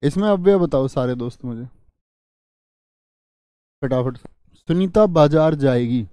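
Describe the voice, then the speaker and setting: A man's voice: on the high side, expressive, measured pace, mellow, dry recording, studio quality. A man teaching Hindi grammar in a live online class with a north Indian Hindi accent. He repeats key phrases to drive them home and answers viewer comments.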